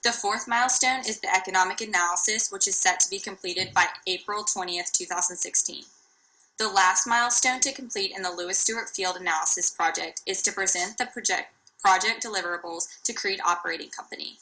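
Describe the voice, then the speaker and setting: A woman's voice: mid-range voice, a little fast, pushed and bright, poor audio. A young woman from Texas, a student reading a formal class presentation, with the odd restart.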